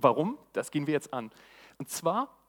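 Here is a male preacher addressing a church crowd live, his delivery eager, enthusiastic and exclamatory. The voice sits on the high side, a bit bright and very animated, at a normal speed. It's captured on a handheld mic and rings with long hall reverb.

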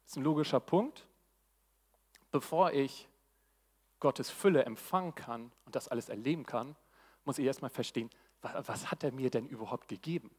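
A man's voice: medium pitch, normal speed, darkish tone, breathy edge. A man preaching a live sermon to a church audience, eager and exclamatory in his delivery. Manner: enthusiastic, exclamatory. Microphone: handheld mic. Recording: long hall reverb.

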